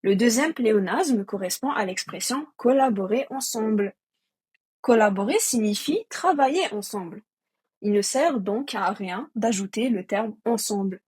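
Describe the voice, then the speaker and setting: A young woman with a Québécois French accent gives a brief grammar lesson, speaking in a fairly high, slightly husky voice. Her scripted delivery is upbeat, and she keeps checking in with the listener through quick questions. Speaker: teacher presenting a language lesson. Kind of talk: scripted educational narration.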